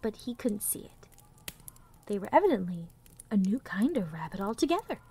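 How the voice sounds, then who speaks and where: A woman reads a children's storybook with expressive, dramatic flair, often sinking into a hush. Her medium-pitched voice is sing-song and slightly rough, at a moderate pace with no room sound.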